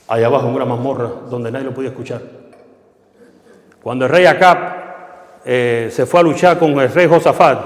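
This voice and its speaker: Fervent man preaching in an echoing hall. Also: medium pitch. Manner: emphatic preaching with rhetorical questions and self-answers. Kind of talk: sermon. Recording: echoey hall.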